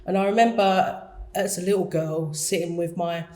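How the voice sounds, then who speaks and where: A woman's voice: lowish voice, steady tone, normal speed, a little mellow. A woman with an Essex accent, a guest artist telling her story in a down-to-earth, hesitant, chatty way. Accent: Essex English. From Essex, England. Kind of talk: casual interview chat.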